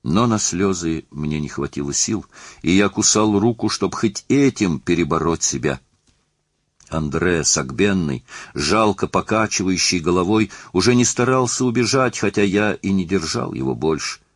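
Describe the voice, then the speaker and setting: Low-voiced man reading an audiobook dramatically. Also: expressive, moderate pace, no echo, clean studio sound. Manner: dramatic, emotionally charged reading. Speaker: audiobook narrator. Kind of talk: scripted audiobook narration.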